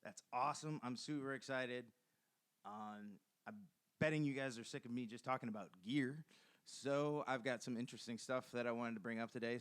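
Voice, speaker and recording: A man's voice: medium pitch, smooth. Rambling enthusiastic male podcast host. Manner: rambling, enthusiastic, many fillers and restarts. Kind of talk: casual solo podcast chat.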